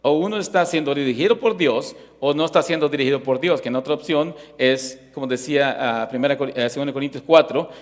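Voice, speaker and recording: A man's voice: mid-range voice, fairly quick, hardly any pauses. A male pastor preaching a sermon in a church, emphatic and full of rhetorical questions, often checking in with "ok?". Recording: echoey hall reverb.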